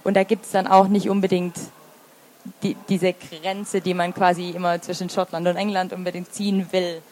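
Answering an interviewer's questions, a literary translator and review editor in her thirties speaks with a Swabian German accent, thinking aloud with lots of fillers and restarts. Her fairly low, slightly mellow voice stays level at a moderate pace, and the audio is poor with slight background noise.

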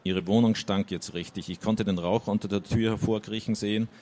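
Low-voiced man reading a novel. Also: steady tone, a little fast, dark tone. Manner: hesitant when summarizing, with fillers. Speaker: audiobook reader. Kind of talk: reading a novel aloud with short spoken summaries.

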